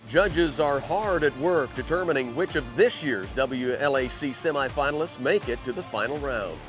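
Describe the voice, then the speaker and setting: A man's voice: medium pitch, moderate pace, over music. A man presenting a broadcast show as its host, reading scripted links.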